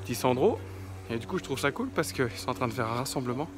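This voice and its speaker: A young man in his twenties chats into a phone held at arm's length, loose and relaxed, filling pauses with little sounds. Music plays under his voice the whole time. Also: medium pitch. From France. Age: 20s. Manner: relaxed chatty, lots of fillers. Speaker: vlogger. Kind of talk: casual travel vlog. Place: outdoors by the sea and in a camper van.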